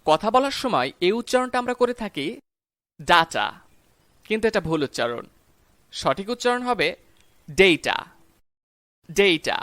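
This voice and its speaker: An English teacher gives a pronunciation lesson, saying each example word slowly and carefully. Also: medium pitch, fairly bright tone, dry recording. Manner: slow, carefully spelled-out example words.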